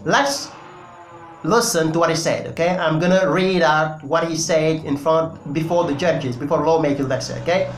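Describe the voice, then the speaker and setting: Delivering opinion commentary to camera, a Wolof-speaking Senegalese man talks emphatically about politics in English, peppered with fillers. His voice is on the high side at a moderate pace, the sound roomy, with soft background music.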